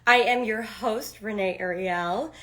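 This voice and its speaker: A woman's voice: medium pitch, measured pace, sharp tone. A woman hosting a live-streamed interview in an upbeat, enthusiastic way. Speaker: host.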